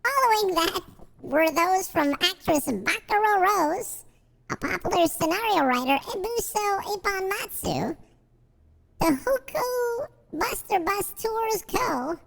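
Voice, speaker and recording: A man reading game text aloud through a chipmunk voice filter, going slowly over the names. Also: very high voice, animated, gravelly, a bit bright, long reverb tail, pitched above the performer's own voice, heavily acted. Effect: sped-up chipmunk voice filter.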